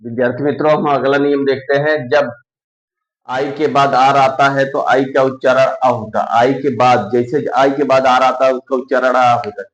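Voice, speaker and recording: A man's voice: medium pitch, fairly even intonation. Echoey lo-fi male teacher. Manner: slow, repetitive, explains each rule twice. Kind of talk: classroom lesson. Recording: echoey room, dull lo-fi sound.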